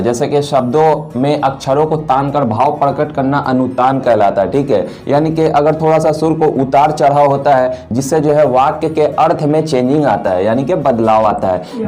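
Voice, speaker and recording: A man's voice: medium pitch, a little mellow. Patient male grammar teacher, faint music. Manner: patient, repeats examples slowly and drawn out. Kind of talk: grammar lesson explaining while writing.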